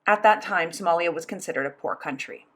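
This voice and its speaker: A woman with a fairly low-pitched voice serves as the interpreter for a sign language interview, speaking in the first person with a measured, steady delivery.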